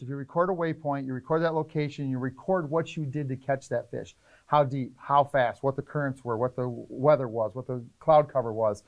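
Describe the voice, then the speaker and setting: A middle-aged man, a fishing charter captain, explaining trip planning in casual, energetic interview talk in an indoor tackle shop. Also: mid-range voice, dull audio. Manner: energetic, gestures a lot, lists points rapidly.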